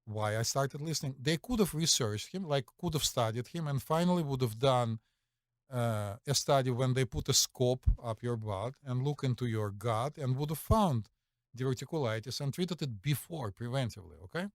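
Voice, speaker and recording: A man's voice: medium pitch, animated, normal speed, no echo, studio quality. A middle-aged man with a Russian accent, a physician co-hosting a podcast, telling stories confidently with many fillers and a repeated "right?". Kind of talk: casual storytelling chat.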